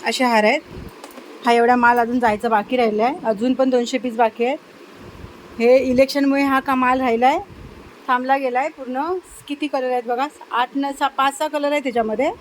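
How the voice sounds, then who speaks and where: A woman's voice: high voice, a little hiss or hum, rough recording. A middle-aged woman, chatting casually through a home vlog in her kitchen and cooing in baby talk to her pets. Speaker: home vlogger.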